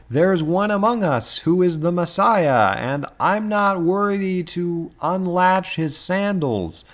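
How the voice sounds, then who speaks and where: A man doing an exasperated, scolding man who bursts out in disbelief, his voice pushed up higher and louder than his own. He is emphatic and incredulous, with lines that swing high and stretch out as he berates a friend. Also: full character voice.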